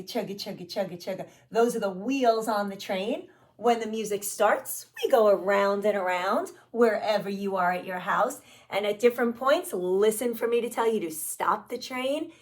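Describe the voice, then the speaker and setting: A woman talking as a kids show host, leading young children through story time with animated, encouraging, simple repeated instructions. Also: on the high side.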